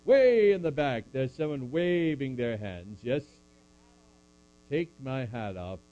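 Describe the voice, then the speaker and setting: A man puppeteering an older apostle in a church skit, taking his time over every phrase. The voice sits low and mellow, preachy one moment and deadpan joking the next. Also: slow pace, highs cut off. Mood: playful. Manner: preachy, dryly joking, speaks to a crowd. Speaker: puppet performer.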